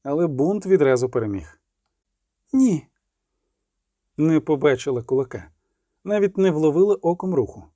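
Male audiobook narrator, higher-pitched, mellow, measured, dry close sound. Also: expressive, dry recording. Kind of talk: scripted narration.

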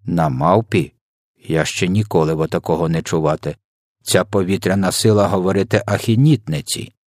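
BFG, a gentle giant, as a man puts him on. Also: low-pitched, no room sound, clean studio sound. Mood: good-natured. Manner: slow, muddled, garbled speech. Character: kindly huge old male giant, mangles words. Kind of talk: storybook character voice.

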